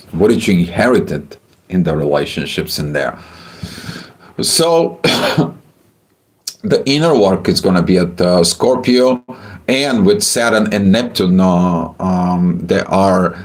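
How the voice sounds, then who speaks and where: A Bulgarian man with a low voice hosts a livestream astrology forecast, speaking haltingly with many filler sounds.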